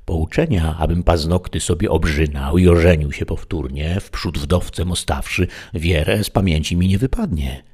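A rustic, proverb-loving squire, played by a man reading the story aloud. His husky voice climbs higher as he boasts, though it stays rooted in a low register. He pours out sayings one after another. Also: normal speed, few pauses, darkish tone. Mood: pleading. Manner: strings proverbs together, rises in pitch.

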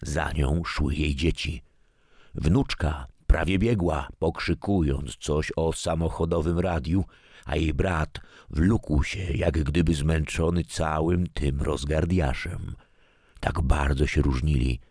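A man with an extremely deep voice narrates a story in a calm, measured way. He reads slowly and deliberately. The sound is dry and close, with no room echo. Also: slightly rough. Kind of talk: scripted narration.

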